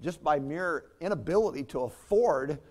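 A man's voice: on the high side, expressive, normal speed, darkish tone, slightly rough. A man preaching a sermon as pastor, in a conversational way with chuckles and restarts.

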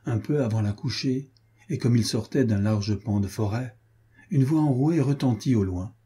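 A male audiobook narrator with a very dark, mellow timbre and a husky edge. He reads in a measured, expressive scripted narration at a middle pitch. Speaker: audiobook reader.

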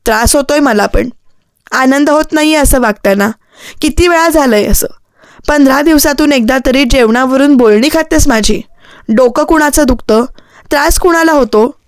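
A protective young man scolds his beloved with pointed questions, read out by a woman in a storybook. The voice sits high and the recording is dry and close. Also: normal speed, dry recording, lightly acted. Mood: scolding.

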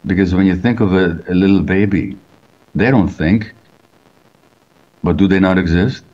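An older man with a very low, mellow voice explains his ideas slowly and deliberately, now and then posing rhetorical questions. He speaks from a room at home over a video call, and the sound is dull and lo-fi. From Hungary. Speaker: physician and author. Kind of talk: reflective interview answers over video call. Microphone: video call webcam.

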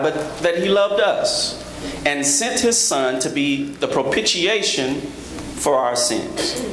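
A man in his thirties preaching a sermon from a church pulpit on a handheld microphone, rhythmic, rising to emphatic high peaks, with joking asides to the congregation. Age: 30s. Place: large church sanctuary, at a pulpit. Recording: echoey church hall with background noise.

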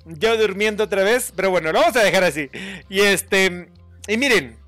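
A man's voice: high-pitched, lively intonation, normal speed, pushed and bright, no room sound, soft background music. A man hosting a casual screen-recording tutorial, rambling as he reads out view counts and corrects viewers' spelling. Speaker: YouTube gamer and channel host.

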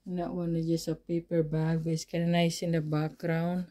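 A woman gives a casual home-tour vlog from her basement, her voice low and very even with little rise or fall. She speaks slowly and haltingly, often pausing to search for the right word, and her tone stays mellow throughout. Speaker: vlogger.

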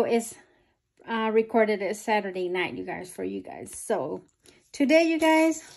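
Chatty woman, slightly high voice. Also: darkish tone. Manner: chatty, keeps saying "you guys". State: a bit out of breath. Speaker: budgeting vlogger. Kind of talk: casual chat to camera.

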